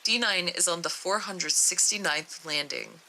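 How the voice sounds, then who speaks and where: A young woman streamer reading a horror article aloud, steady with small stumbles. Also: on the low side, a little slow, a little hiss or hum, low-quality recording.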